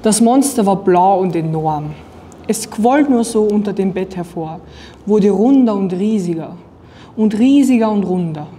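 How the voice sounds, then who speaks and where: A young woman from Austria reads a children's picture book aloud in a calm, even storytelling voice. Her tone is mellow and soft. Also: mid-range voice, unhurried, slight background noise. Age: young adult. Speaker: student reading aloud.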